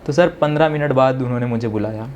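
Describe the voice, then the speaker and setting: A man's voice: mid-range voice, fast talker, a little hiss or hum. Young man retelling his interview. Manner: animated retelling that mixes Hindi with English phrases; keeps addressing the listener as "sir". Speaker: interviewee, successful defence exam candidate. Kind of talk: casual storytelling in an interview.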